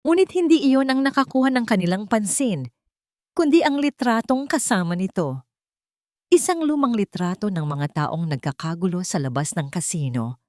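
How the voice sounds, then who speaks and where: A woman with a Filipino accent reads a scripted romance story as a dramatic storyteller. Her mid-range voice is animated and a little mellow, at a moderate pace, in a dry, studio-quality recording.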